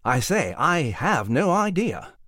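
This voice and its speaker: A man's voice: a little high, sing-song, slow pace, fairly bright tone, no echo, clean studio sound, heavily acted. A man voicing a prim, genteel male mouse, speaking formally and fussily. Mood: bemused. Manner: formal, fussy, polite.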